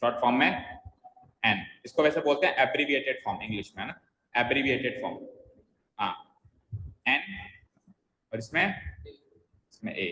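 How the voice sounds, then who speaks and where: A man's voice: medium pitch, animated, normal speed, pauses often, bright, forceful tone. A man teaching an English grammar class, quizzing students by name and coaxing them to listen closely. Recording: echoey roomy sound.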